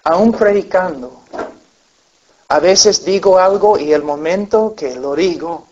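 A man's voice: high voice, slow, a little mellow, slight background noise. A man preaching a sermon to a congregation, telling stories earnestly and acting out the people in them, on a dull lo-fi recording. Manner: earnest storytelling with acted-out voices.

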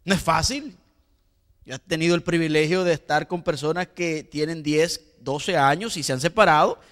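A man's voice: fairly high pitch, normal speed, fairly bright tone. A man preaching a sermon as pastor, emphatic, asking the congregation rhetorical questions and repeating words. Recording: long hall reverb.

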